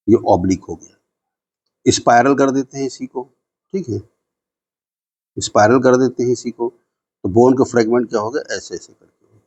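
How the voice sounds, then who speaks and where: A male nursing teacher giving a lecture, explaining in Hindi, reading English definitions slowly, and asking and answering his own questions. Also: medium pitch, a little mellow, lo-fi sound. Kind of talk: classroom lecture.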